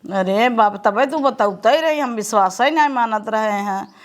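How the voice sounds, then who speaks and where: A woman's voice: a little high, moderate pace, dry recording, clean studio sound, close to an everyday voice. A woman with an Awadhi accent playing a rustic mother who teases and scolds her married daughter in a comedy sketch. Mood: teasing. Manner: scolding, sarcastic. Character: rustic mother, sharp-tongued and teasing.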